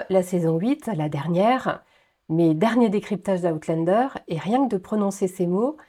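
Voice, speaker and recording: A woman hosting her own video channel, reviewing a TV series in a lively, expressive way with frequent "euh" fillers. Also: mid-range voice. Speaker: YouTube host reviewing episodes of a TV series. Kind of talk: enthusiastic video commentary, partly scripted.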